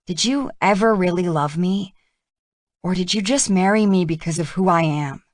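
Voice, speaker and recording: Woman reading as a hurt young woman, earnest, quick pleading lines, fairly low voice, dry close sound. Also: no room sound, natural voice. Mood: wistful.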